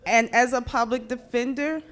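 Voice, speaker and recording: A woman's voice: fairly high pitch, steady tone, moderate pace. A woman judge and former public defender, explaining traffic law to a community audience in a plain, direct way. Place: community meeting room.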